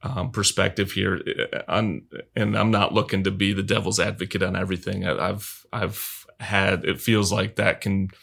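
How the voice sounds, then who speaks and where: Low gravelly-voiced man, flat delivery. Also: moderate pace, hardly any pauses. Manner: rambling, thoughtful, many fillers. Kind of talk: casual podcast chat.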